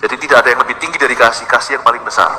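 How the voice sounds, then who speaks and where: A man preaching a sermon, mixing English phrases into his talk and swinging between emphatic bursts and quiet drops. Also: medium pitch, steady tone, rapid-fire. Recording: long hall reverb with soft music behind.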